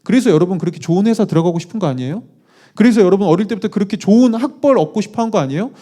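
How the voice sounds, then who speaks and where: A male pastor delivers a conversational sermon with an animated, questioning manner and light self-deprecating asides. His voice sits somewhat high for a man yet sounds mellow and dark. The pitch moves widely from phrase to phrase. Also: very fast.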